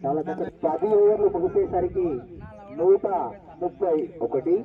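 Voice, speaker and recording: A man giving excited, exclamatory live commentary on a village cricket match, outdoors at the ground. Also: high-pitched, normal speed. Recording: muffled, distant outdoor recording with loud noise.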